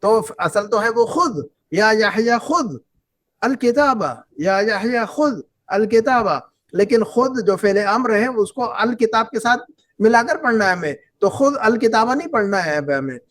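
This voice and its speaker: A man's voice: sits high, expressive, unhurried, fairly bright tone. A man teaching an Arabic class, patiently repeating phrases and quizzing his students. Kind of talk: online class lesson.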